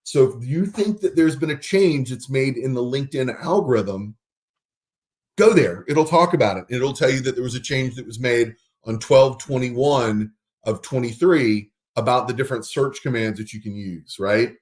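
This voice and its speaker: A man hosting a podcast in casual conversation, explaining resources and spelling out words slowly. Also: mid-range voice, darkish tone. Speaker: podcast host.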